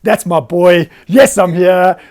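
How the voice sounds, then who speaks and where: A man's voice: sits high, fairly even intonation, slow pace, darkish tone. A South African man in his forties, giving a candid, self-deprecating talk to a live audience in a meeting room. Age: 40s. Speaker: business founder giving a talk.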